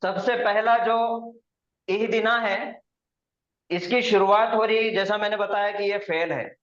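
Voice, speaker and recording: A male Quranic Arabic grammar teacher explains patiently, step by step, and drills pronunciation by slowly repeating words for his students. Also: sits high, steady tone, a bit bright. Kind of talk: classroom lesson with students. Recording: roomy, dull lo-fi recording.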